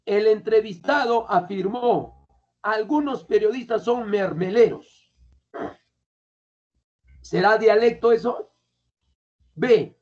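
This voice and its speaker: On a dull lo-fi recording from a classroom, a Peruvian man with a high-pitched voice teaches a language lecture. Speaking colloquially, he keeps putting questions to his students.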